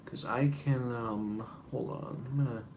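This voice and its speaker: A young man runs a casual live-stream Q&A from a room at home with noise in the background, rambling with many fillers and apologies. His mid-range, darkish voice moves at a measured pace with fairly even intonation, and there's a little hiss or hum.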